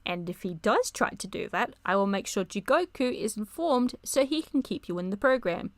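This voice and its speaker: Reassuring older male lawyer, steady and kind, read by a woman with a dry sound. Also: medium pitch, moderate pace, no echo, natural voice. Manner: read aloud from a chat log.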